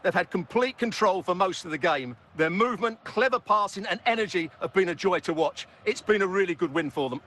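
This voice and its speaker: A man giving co-commentary on a football match, summing up each play in a measured way, recorded in a studio and played from a game. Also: sits high, expressive, fairly bright tone, a little hiss or hum. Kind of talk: sports analysis.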